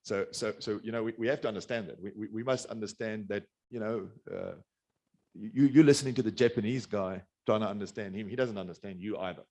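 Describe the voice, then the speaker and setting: Middle-aged South African man, low voice, quick rambling business webinar talk, lots of restarts. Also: darkish tone. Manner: rambling, many restarts and fillers. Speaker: business speaker. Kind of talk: webinar presentation.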